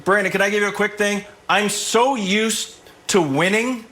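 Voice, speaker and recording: A man's voice: high-pitched, moderate pace. A man on a sports debate panel, talking animatedly and laughing as he jokes as the Patriots fan. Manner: animated, joking, laughing as he talks.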